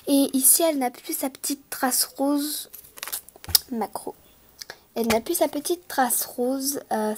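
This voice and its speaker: A woman's voice: high-pitched, a little mellow. A woman talks casually to viewers as a toy collector, gushing, repeating words and hesitating often. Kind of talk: casual vlog talk to viewers.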